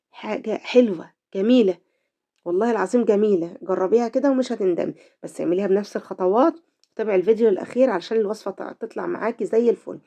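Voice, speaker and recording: A middle-aged Egyptian woman talks quickly through a home cooking tutorial, speaking straight to her viewers. Her tone is dark and mellow, and her voice is a little dulled by a cold. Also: medium pitch, muffled recording. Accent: Egyptian Arabic. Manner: chatty, talks to viewers directly. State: voice affected by a cold. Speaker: cooking channel host.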